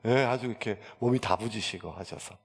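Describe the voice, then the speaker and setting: A man's voice: fairly low pitch, brisk, breathy edge. A male pastor, chattily telling a story in a sermon, full of fillers. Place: church sanctuary. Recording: long church hall reverb.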